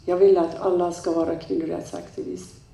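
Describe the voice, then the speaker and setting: A middle-aged woman and women's rights activist delivering a personal testimony from a stage, telling it in slow, halting, emotional phrases. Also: lowish voice, little pitch movement, gravelly, mellow. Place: stage in a large room. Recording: echoey room, speaker far from mic.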